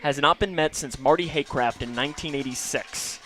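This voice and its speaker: A man hosting a pregame high school football radio show, reeling off player stats and trading remarks with his co-host. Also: fairly bright tone, soft background music. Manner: reads off stats quickly, banters with co-host. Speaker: radio play-by-play announcer.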